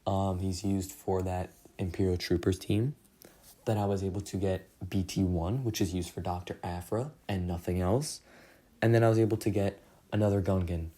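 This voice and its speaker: A man's voice: low voice, steady tone, moderate pace, dark tone. A young man casually recapping his game progress, rambling and poking fun at himself. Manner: rambling, self-deprecating, many fillers. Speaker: gaming channel host.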